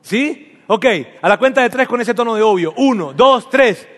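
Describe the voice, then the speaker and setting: High-voiced pastor preaching in a reverberant hall. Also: male voice, lively intonation, moderate pace, a little hiss or hum. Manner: emphatic, repeats phrases, leads congregation in declarations. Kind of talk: sermon. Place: church hall.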